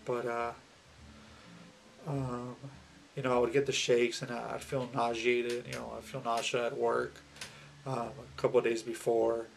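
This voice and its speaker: A man with a medium-pitched voice and plenty of vocal fry talks informally, as in a personal vlog. He rambles haltingly, pausing and repeating himself, over faint background noise. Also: completely flat delivery. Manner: halting, rambling, with many pauses and self-repeats. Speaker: video blogger. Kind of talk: casual personal vlog talk to camera.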